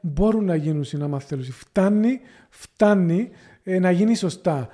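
A man with a Cypriot Greek accent talks as a podcast guest, earnest and impassioned. His voice sits high but sounds soft and mellow rather than bright. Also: expressive. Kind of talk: casual podcast conversation.

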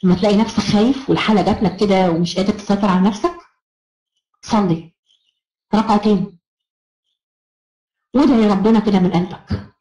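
A woman's voice: medium pitch, a little fast, pauses often, dark tone, echoey room, rough recording. A woman with an Egyptian Arabic accent giving an encouraging online self-help lecture, praising her students as she goes.

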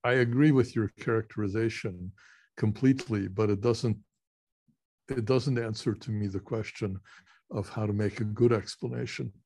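A man asking a seminar speaker a question over a video call, measured and hesitant, with many fillers. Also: fairly low pitch, fairly even intonation, creaky, dark tone, husky. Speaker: audience questioner.

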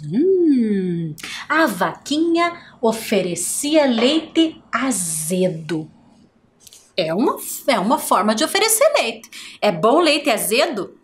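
A woman teacher with a Brazilian Portuguese accent leads a primary school class broadcast on TV, dictating at a slow, drawn-out pace that stretches every word into syllables. When she asks the kids questions, her pitch swings widely; there's a little hiss or hum too.

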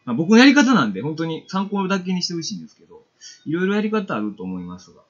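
A man's voice: on the high side, big pitch swings, rapid-fire, highs cut off. Chatty Kansai-accented man painting live. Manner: chatty, reads viewer comments aloud, laughs often. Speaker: watercolor painting streamer. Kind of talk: casual live-stream painting demo with chat.

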